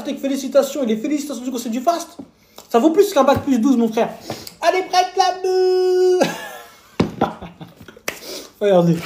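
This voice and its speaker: A fitness coach streams live, chatting casually with his mouth full as he eats and teasing viewers with playful mock lessons and quizzes. His voice is very high with a darkish tone, heard in an echoey room with a little hiss or hum.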